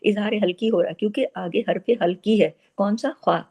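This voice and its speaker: A woman teaching Quran recitation rules, explaining step by step and then reciting words slowly and drawn out. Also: mid-range voice, steady tone, vocal fry, dark tone, husky. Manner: asks the listener quick questions and answers them herself. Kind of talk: tajweed lesson with slow demonstrated recitation.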